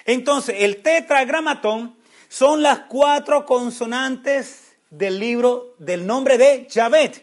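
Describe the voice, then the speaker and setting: High-voiced man teaching a Bible class. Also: slow pace. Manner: asks questions then answers them; restarts words often, animated.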